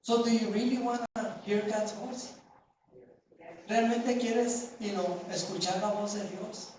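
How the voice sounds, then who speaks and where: Slow, echoey bilingual church preacher. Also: mid-range voice, fairly even intonation, darkish tone. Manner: says each phrase in English, then repeats it in Spanish; slow, deliberate preaching with emphatic repetition. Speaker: pastor. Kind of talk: bilingual sermon, self-translating. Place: church sanctuary. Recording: very echoey church hall, mic far off, faint room noise.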